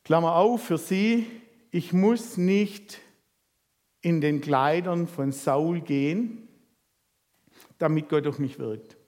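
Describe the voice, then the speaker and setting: Male preacher, slightly high voice, lively storytelling sermon, long hall reverb. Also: takes it slowly. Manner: lively storytelling, asks the congregation questions. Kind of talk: sermon reading and retelling scripture.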